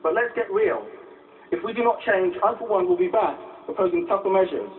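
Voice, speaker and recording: A man's voice: high-pitched, fairly quick. A man delivering a political conference speech as a delegate, emphatic and given to rhetorical repetition. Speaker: political party delegate proposing a motion. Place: conference hall, speaking to delegates. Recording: distant, tinny narrow-band hall microphone, faint noise.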